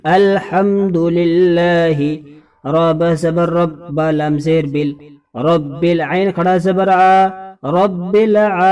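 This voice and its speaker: A young man teaching Quran reading, spelling out syllables slowly and chanting the verses. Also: fairly high pitch, darkish tone, dull audio. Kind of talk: spelling-out lesson with chanted recitation.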